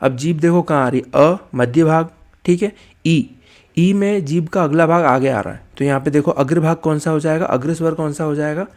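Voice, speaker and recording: A man's voice: on the high side, a little mellow. A man teaching an exam-prep lesson, posing questions and answering them himself and checking in often with okay and right. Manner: sounds out letters slowly to demonstrate.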